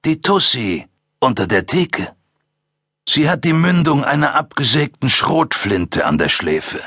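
A man voicing a calm, amused male serial killer who talks down to two cops in a mocking, drawn-out way. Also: mid-range voice, slightly rough, no room sound, clean studio sound, voice pushed up, exaggerated voice. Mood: taunting. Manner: mocking, taunting, drawn-out delivery.

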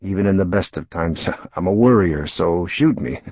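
Man doing a fretful mob captain, low husky voice, gravelly, dull lo-fi audiobook sound. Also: animated, normal speed, no room sound. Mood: sheepish. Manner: nervous, self-deprecating. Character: worried middle-aged male mob captain.

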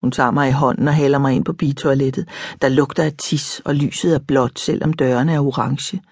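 Husky woman narrating an audiobook. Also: extremely low pitch, dry recording, clean studio sound. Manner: calm, reflective first-person storytelling. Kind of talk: scripted narration.

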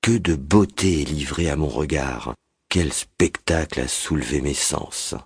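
Male audiobook narrator, very deep, husky, measured, dramatic, dry close sound. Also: no room sound. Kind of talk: scripted literary narration.

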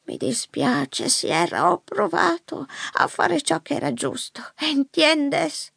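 A woman voicing a frail old grandfather weakened by a stroke, pleading urgently in a halting, breathy way for an audiobook. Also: high-pitched, wildly swooping pitch, fairly bright tone, dry recording, pitched above the performer's own voice, heavily acted. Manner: slow pleading warnings. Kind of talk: audiobook character voice. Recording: dry close studio mic.

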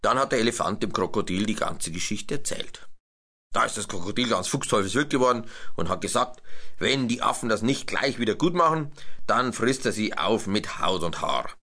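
A man narrating a children's storybook in a homely, lively way. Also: on the low side, moderate pace. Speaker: audiobook narrator.

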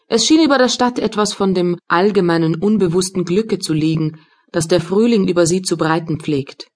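A woman reading classic literature aloud with calm, measured delivery. Her voice sits on the lower side and moves at an even storytelling pace. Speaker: audiobook narrator. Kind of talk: scripted literary narration.

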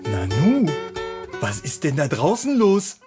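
A woman voicing Serge, a vain, boastful rooster, in a children's audiobook; he drops French phrases and talks in a slow, theatrical way. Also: sits low, wildly swooping pitch, music in the background, heavily acted.

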